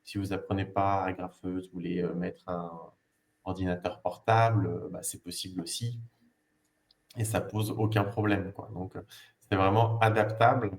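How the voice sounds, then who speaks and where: A man's voice: deep voice, fairly even intonation, moderate pace. A man, a language teacher, casually presenting learning games on a video call, explaining step by step with many fillers and hesitations.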